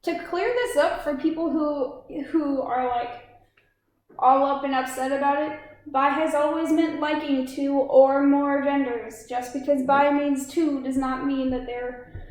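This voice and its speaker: A young woman with a high voice chats earnestly on a podcast, rushing through her explanations. She sounds as if she were recorded in a bare, very echoey room. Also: steady tone, a little mellow. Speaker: podcast co-host. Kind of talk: casual chat.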